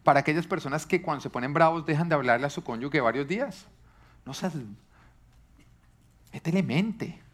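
A man's voice: fairly high pitch, normal speed, pauses often. A man preaching a sermon to a congregation, asking them questions and joking along the way. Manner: lively, asks the congregation questions, jokes.

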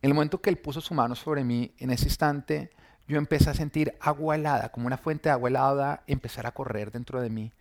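A man's voice: mid-range voice, fairly even intonation, fast, vocal fry. A man earnestly telling his personal faith testimony, recounting scenes and quoting what people said. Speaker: church member giving testimony.

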